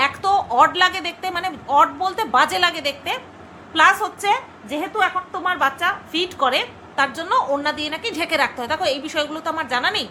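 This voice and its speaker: A woman's voice: extremely high pitch, pushed and bright, a little hiss or hum. A woman vlogger giving her casual, opinionated commentary in a chatty way, often asking her viewers "right?". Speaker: vlogger commenting on other creators.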